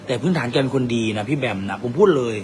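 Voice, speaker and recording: A man's voice: medium pitch, expressive, quick pace, darkish tone. Teasing Isan-accented man in a noisy cafe. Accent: Isan Thai. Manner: teasing, boisterous, mixes in dialect. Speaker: vlog host. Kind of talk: casual joking banter.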